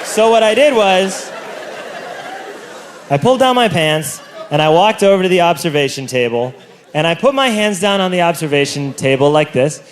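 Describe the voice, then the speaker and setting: Animated male stand-up storyteller. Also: moderate pace, some chatter behind, a little hiss or hum. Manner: animated, theatrical, shifts between loud bursts and low asides. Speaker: stand-up comedian.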